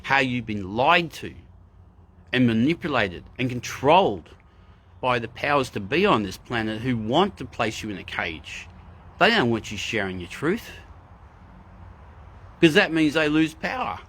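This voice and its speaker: A man's voice: medium pitch, big pitch swings, a little slow, pauses often, fairly bright tone, husky. Earnest man giving spiritual talk. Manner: earnest, emphatic, repeats phrases for effect. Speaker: spiritual livestream host. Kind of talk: live-streamed spiritual talk, answering chat.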